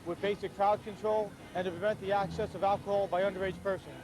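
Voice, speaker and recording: On a busy street outdoors at night, a male police officer explains procedures and gives instructions in a matter-of-fact, procedural way. His voice is high and flat, he speaks fast, and the audio is poor.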